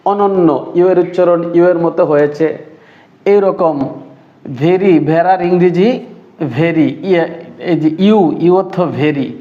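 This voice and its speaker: Male English tutor, slightly high voice, repeats key words, echoey dull room sound. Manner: repeats key words slowly, asks and answers his own questions. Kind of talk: explaining grammar rules.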